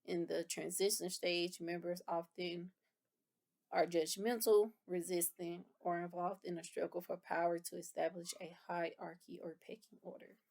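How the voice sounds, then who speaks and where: Woman instructor, explains and rephrases terms, fry-heavy voice. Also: lowish voice, little pitch movement, moderate pace, darkish tone. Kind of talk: lecture review.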